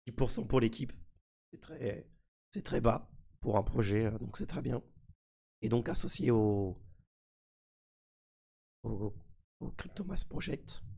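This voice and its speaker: A man with a husky, gravelly voice, sick, giving casual live commentary as a mischievous streamer. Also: mid-range voice, animated, slow, pauses often, warm tone. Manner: mischievous, trolling his community. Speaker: streamer presenting a crypto NFT project.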